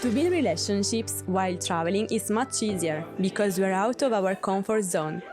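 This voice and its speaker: A woman, narrating a travel vlog voice-over in an earnest, steady way. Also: medium pitch, moderate pace. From Italy. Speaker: travel vlogger. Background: music.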